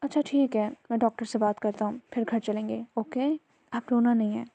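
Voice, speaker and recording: A woman voicing a tender husband who speaks softly and soothingly to his wife. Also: fairly high pitch, fairly even intonation, creaky, no room sound, highs cut off. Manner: soft, soothing. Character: tender loving husband, police officer.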